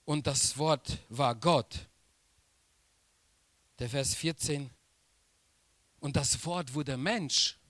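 A man preaching a sermon slowly and emphatically, repeating key phrases for weight. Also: a little high, fairly bright tone, dry recording.

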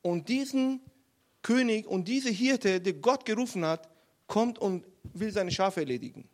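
High-voiced animated male preacher. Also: unhurried. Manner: animated, emphatic storytelling. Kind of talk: sermon, Bible teaching.

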